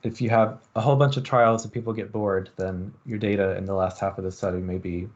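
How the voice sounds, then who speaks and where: Low-voiced man giving a relaxed lecture. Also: fairly quick, highs cut off. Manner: relaxed, thinking aloud with frequent ums. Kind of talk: university lecture on experiment design.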